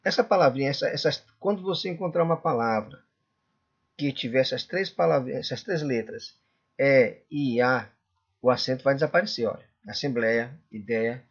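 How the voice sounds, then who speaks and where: A male Portuguese teacher giving a classroom lecture, often checking in with the class and drawing out example words slowly. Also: mid-range voice, lo-fi sound. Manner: checks in constantly with "correto?" and "tudo bem?".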